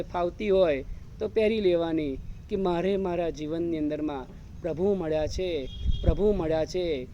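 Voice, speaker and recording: A man whose voice is high and warm gives an evening sermon in the role of a monk, reinforcing each point by repeating phrases and aiming rhetorical questions at his listeners. The audio is dull and lo-fi, with slight background noise.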